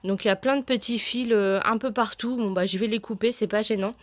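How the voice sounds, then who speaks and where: A woman's voice: medium pitch, steady tone, a little fast. A young adult woman chatting casually in a haul video, a little out of breath, with many fillers as she shows items. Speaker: vlogger.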